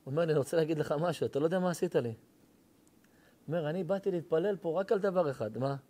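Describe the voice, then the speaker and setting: A rabbi delivers an emotional sermon. His voice sits a little high for a man. He shifts from soft, confiding moments to fervent, pleading outbursts. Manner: impassioned, rising to pleading cries.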